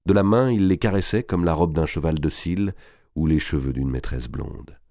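A man reading a historical novel aloud as audiobook narration, measured and expressive. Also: rumbling low, vocal fry, dry recording, clean studio sound.

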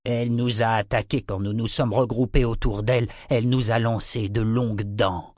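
A man doing a hoarse uneasy red serpent. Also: on the low side, fairly even intonation, moderate pace, a little mellow, dry recording, clean studio sound, natural voice. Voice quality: hoarse whisper.

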